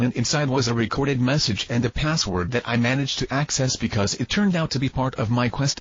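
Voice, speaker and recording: Husky-voiced man reading an audiobook. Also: mid-range voice, no room sound. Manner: steady first-person storytelling. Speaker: audiobook reader. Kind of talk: audiobook narration of fan fiction. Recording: dry, slightly dull lo-fi recording.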